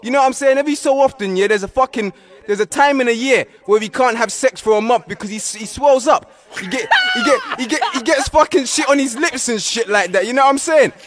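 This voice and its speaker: A man's voice: extremely high pitch, animated, fairly quick, fairly bright tone. A man with a South London accent, trash-talking rivals in a profane, mocking diss skit. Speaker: rapper.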